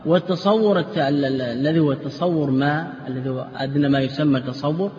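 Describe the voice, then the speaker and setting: A man's voice: fairly high pitch, fast talker, darkish tone, slight background noise. A man teaching a classroom lecture. He quizzes his students with rhetorical questions, answers them himself, and drills word forms over and over. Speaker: Islamic scholar teaching a class. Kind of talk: classroom lecture on legal theory and grammar. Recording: dull echoey hall lecture recording.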